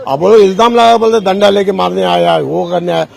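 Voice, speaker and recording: A man's voice: high-pitched, brisk, creaky, a little mellow. An older man, a local tailor, recounting a street quarrel in a street interview, defending himself and repeating his denials. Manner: defensive, repeats himself, acts out quoted speech.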